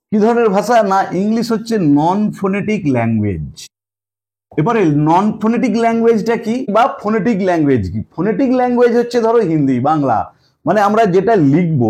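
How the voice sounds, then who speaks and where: A male English teacher explains a lesson in classroom style, posing rhetorical questions and repeating key points. His voice is high-pitched with a darkish tone.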